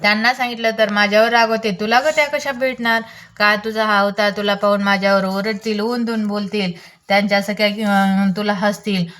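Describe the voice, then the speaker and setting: A woman's voice: medium pitch, flat delivery, a little fast, fairly bright tone, close to an everyday voice. A woman reading the lines of a cautious young palace maid, wary and questioning.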